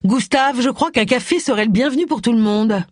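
A woman's voice: a little high, brisk, dry recording, studio quality, pitched above the performer's own voice, lightly acted. A woman voicing a determined middle-aged amateur detective in an audiobook.

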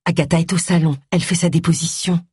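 A woman voicing an anxious young woman in an audiobook, talking hushed and quick. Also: lowish voice, steady tone, breathy edge, no room sound, studio quality.

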